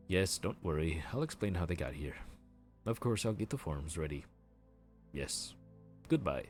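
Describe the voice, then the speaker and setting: Here the same underworld receptionist, a grim reaper clerk, is voiced by a man in a creaky, heavily acted style as he courteously works through the forms with bureaucratic politeness. The pitch is very low yet highly variable, and gentle music plays quietly beneath.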